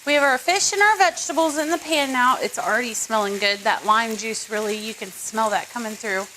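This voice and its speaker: A fairly high-voiced woman talks viewers through a recipe in her home kitchen. Her tone is chatty and casual, with asides and small jokes as she cooks. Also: fairly quick, pushed and bright, a little hiss or hum. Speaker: cooking show host. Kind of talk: casual cooking tutorial.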